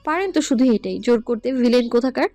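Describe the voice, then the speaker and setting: A woman's voice: fairly high pitch, animated, fast talker, mellow, no room sound, soft background music, close to an everyday voice. A woman playing a stubborn young student who talks back with defiance and a teasing, playful edge in an audio love story. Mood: defiant.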